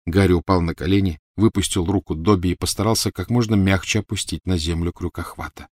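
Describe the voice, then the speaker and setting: A man reading an audiobook in steady, measured narration. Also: sits low, no echo. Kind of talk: scripted narration.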